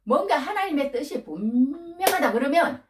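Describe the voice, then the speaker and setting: A woman preacher delivers a sermon in a lively, dramatic way, her low voice rising and falling sharply as she acts out scolding dialogue. She sounds set back from the microphone. The hall around her is roomy and echoey. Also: normal speed, far from the mic, noisy background. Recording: echoey room, voice from off the mic.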